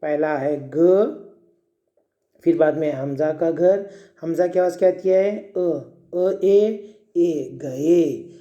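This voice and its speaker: A man's voice: fairly high pitch, steady tone, slow, warm tone, lo-fi sound. A man teaching first graders to read, sounding out each word letter by letter with patience and answering his own questions. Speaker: primary school Urdu teacher. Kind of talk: reading lesson for young children.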